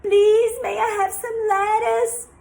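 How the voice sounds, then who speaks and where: A woman's voice: extremely high pitch, level tone, slow, gravelly, darkish tone, voice pushed up, heavily acted. Rapunzel, a woman doing a pleading young girl. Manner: pleading, raised.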